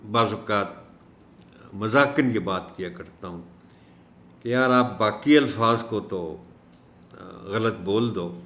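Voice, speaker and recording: A man teaching an Urdu lesson for teachers, speaking in a measured way and slowing down to stress each word he corrects. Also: fairly low pitch, fairly bright tone. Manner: measured, stresses words slowly when correcting pronunciation. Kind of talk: instructional video lesson. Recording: echoey room.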